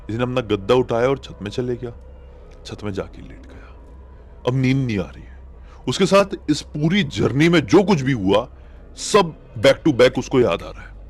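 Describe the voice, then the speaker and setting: A man telling a spoken horror story in a chatty, dramatic way, with sudden loud peaks. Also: medium pitch, a little hiss or hum.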